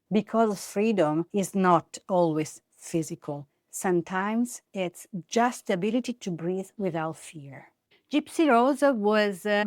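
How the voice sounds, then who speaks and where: A native Italian speaker with an Italian accent and a medium-pitched voice hosts a true-crime series, narrating scripted stories in short, dramatic phrases. The recording is dry and studio quality.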